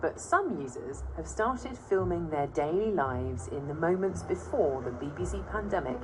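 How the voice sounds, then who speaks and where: A woman with a British accent presenting and narrating a documentary in a clear, measured, explanatory way. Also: low voice, animated, noisy background. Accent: British English. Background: documentary music.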